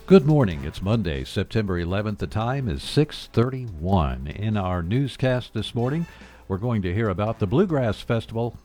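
Deep-voiced man hosting local radio news. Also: darkish tone. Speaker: radio host and newsreader.

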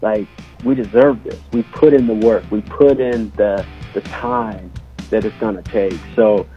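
Over faint music, a young man who works as an assistant basketball coach spins animated stories in a relaxed interview, filling his speech with fillers. His voice is lowish with vocal fry, his pace measured, and the audio sounds tinny, like a phone line.

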